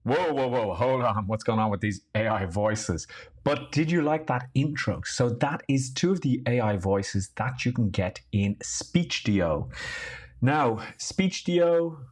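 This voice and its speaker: A man hosting a weekly online show, giving an upbeat, chatty software review. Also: medium pitch, animated, normal speed, breathy edge.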